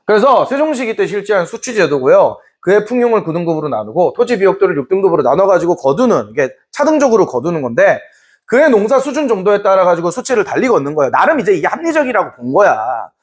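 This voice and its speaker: A man teaching a Korean history class in a lively way, now and then acting out short scenes in put-on voices. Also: high voice, quick pace. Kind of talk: classroom lecture.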